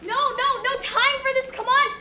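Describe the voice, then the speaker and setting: A woman's voice: extremely high pitch, fairly even intonation, moderate pace, sharp tone, recorded from a distance, full character voice. A student actress playing an urgent young woman messenger in a school stage play. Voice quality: urgent, insistent. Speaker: student actor. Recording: echoey hall, faint noise.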